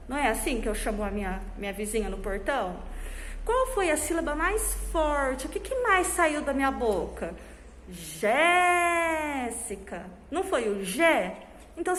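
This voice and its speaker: A woman teacher explaining a lesson to young pupils, speaking through a face mask in slow, drawn-out phrases and checking in with the class often. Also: high voice, big-room sound, rough recording. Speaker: primary school teacher. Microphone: phone camera.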